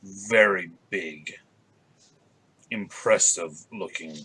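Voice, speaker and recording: A man's voice: sits low, very slow, noisy background. A middle-aged man narrating a tabletop game as game master over a video call from a room at home.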